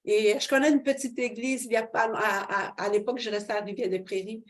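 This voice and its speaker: A middle-aged woman talks fast in a voice on the high side, delivering a fervent personal faith testimony as an interview guest. Expressive throughout, she fills her speech with fillers and laughs.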